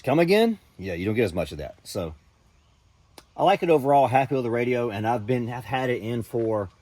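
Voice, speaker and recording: Low-voiced man, casual and folksy. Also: a bit bright. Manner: informal, rambling, folksy. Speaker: product reviewer and off-road hobbyist. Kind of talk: casual vlog review.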